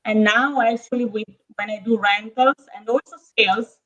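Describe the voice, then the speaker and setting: A woman from Verona in northern Italy speaks English as a second language with an Italian accent, her voice a little high, bright, and fairly even in intonation at a normal speed, with the highs cut off. She's a realtor appearing as a podcast guest in a casual interview chat, full of hesitant fillers and restarts.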